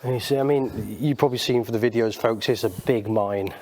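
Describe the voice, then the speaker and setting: A man's voice: medium pitch, brisk, a little mellow. Guy vlogging in a mine, chatty and laughing, bit out of breath, light hiss. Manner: chatty, laughs often, addresses viewers as folks. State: out of breath at times. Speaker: channel host filming underground. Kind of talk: casual chat to viewers. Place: inside a large slate mine. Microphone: handheld camera mic.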